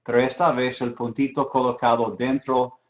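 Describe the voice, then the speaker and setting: A man's voice: medium pitch, flat delivery, normal speed. A man teaching a beginners' class, explaining patiently, repeating key terms and often checking understanding with "¿sí?" and "¿ok?". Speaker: Biblical Hebrew teacher. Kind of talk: slow explanatory lecture. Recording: dull lo-fi recording.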